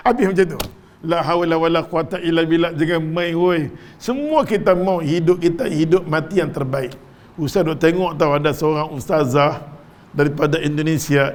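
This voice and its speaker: A man with a northern Malaysian Malay accent delivers a lively sermon in a high voice. He tells stories dramatically, acts out the voices of the people in them, and laughs as he goes. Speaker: preacher. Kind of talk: animated sermon.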